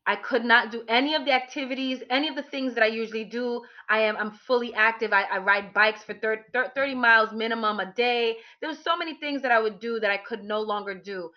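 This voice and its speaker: A woman's voice: on the high side, fast, hardly any pauses. A woman candidly telling a personal story to her listeners, talking animatedly with many restarts and fillers. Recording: dull lo-fi recording.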